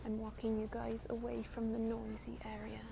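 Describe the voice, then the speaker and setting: A young woman softly whispering through an ASMR walkthrough of a store, naming the items one by one on a handheld phone. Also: a little high, completely flat delivery, normal speed, gravelly. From United States. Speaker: ASMR creator. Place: inside a large retail store. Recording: loud background noise in a busy store. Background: store noise, people opening boxes.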